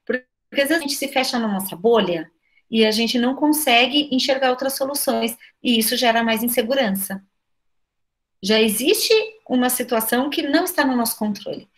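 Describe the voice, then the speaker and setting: A woman's voice: fairly high pitch, moderate pace. A Brazilian woman who runs a school, talking to a group of educators on a video call, full of rhetorical questions. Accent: Brazilian Portuguese. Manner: lively, asks many rhetorical questions, frequent "né?". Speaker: school director speaking at an online educators' meeting.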